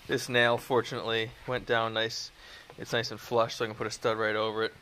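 A man in his thirties, vlogging his home build at an outdoor site in the woods, holds his phone at arm's length and rambles casually with fillers and self-deprecating jokes. His voice is on the low side and fairly flat in pitch, fairly quick, bright, forceful, clear, and resonant.

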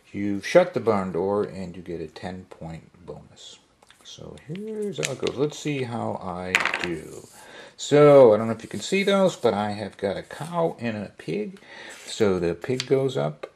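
A man who owns a craft shop, casually demonstrating a board game at a tabletop in his workshop. He talks in a relaxed, folksy way, with fillers. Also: fairly low pitch, gravelly, slight background noise. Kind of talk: casual product demo.

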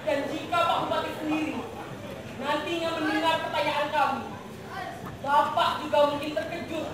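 A young female student actor playing an insistent, sceptical village wife in a stage play, declaiming in drawn-out phrases. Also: high voice, steady tone, crowd noise, close to an everyday voice. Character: insistent, sceptical married village woman petitioner. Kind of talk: amateur stage acting. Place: theatre stage, mic on stand. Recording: noisy, echoing stage, distant microphone.

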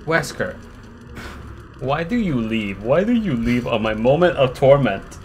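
A man's voice: mid-range voice, sing-song, a little slow, a little hiss or hum. Jumpy, swearing male game streamer. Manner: panicky, cursing, yelps and rambles at the game. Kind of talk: live gameplay commentary.

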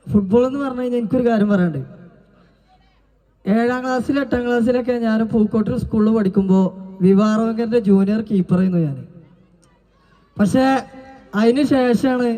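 A man's voice: very high-pitched, a little mellow. A man doing playful live stage comedy banter. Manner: playful, teasing the crowd. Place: stadium stage before a crowd. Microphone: handheld stage mic. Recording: reverberant open-air stage. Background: crowd.

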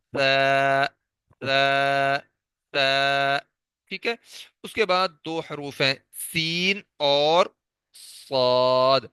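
A man with a Pakistani Urdu accent teaching a tajweed lesson, patiently explaining and slowly repeating letter sounds for practice. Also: a little high, pushed and bright, no room sound, clean studio sound. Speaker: Quran recitation teacher.

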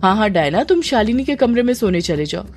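A woman's voice: mid-range voice, big pitch swings, brisk, darkish tone, faint music behind. A woman voicing a playful young man who teases his friend in a Hindi horror audio story. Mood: teasing. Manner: teasing, joking.

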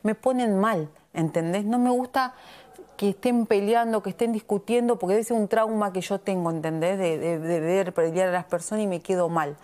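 A woman's voice: medium pitch, normal speed, a little mellow. Insistent Argentine woman arguing. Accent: Argentine Spanish. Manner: insistent, keeps asking "¿entendés?". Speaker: reality show contestant. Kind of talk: heated face-to-face argument.

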